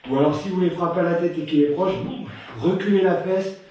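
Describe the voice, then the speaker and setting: Quick-paced and high-pitched, with fairly even intonation and a mellow quality, a French instructor counts combinations and voices punchy sound effects in a live online Krav Maga class. He's chatty between drills, warm, and somewhat breathless from training. The dull audio comes from a distant mic in a very echoey room.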